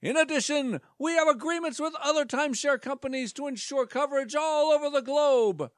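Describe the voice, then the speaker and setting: A shrill, pompous salesman. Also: fairly quick, fairly bright tone, no echo, clean studio sound. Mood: salesy. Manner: grandiose sales-pitch delivery. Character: high-pitched pompous male timeshare salesman.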